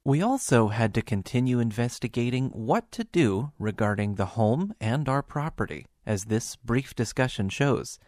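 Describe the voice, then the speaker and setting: A man's voice: medium pitch, lively intonation, normal speed, hardly any pauses, darkish tone, no room sound, clean studio sound. A man delivering scripted documentary narration as the narrator.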